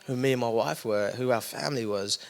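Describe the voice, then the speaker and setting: A man with an East London accent talks in a relaxed conversational way, pitch sitting in an ordinary middle range. He leans into his stories with bursts of energy and plenty of "like" and "you know". He sounds like a pastor chatting about his team. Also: a little fast, gravelly. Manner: energetic, animated storytelling with many fillers. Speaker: young adults pastor. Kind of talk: casual conversational interview.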